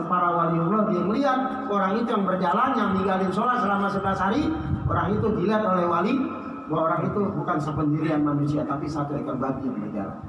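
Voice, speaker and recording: Preacher in an echoing hall. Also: male voice, highs cut off, a little hiss or hum. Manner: animated, swings between loud high exclamations and low hushed lines. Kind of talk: sermon storytelling. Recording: echoey hall, heard from a distance.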